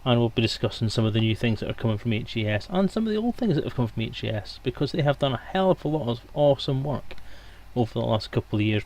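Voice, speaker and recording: Speaking at a medium pitch with a somewhat mellow quality, this man chats loosely with his livestream audience through a headset microphone. His talk is jokey, informal and full of digressions.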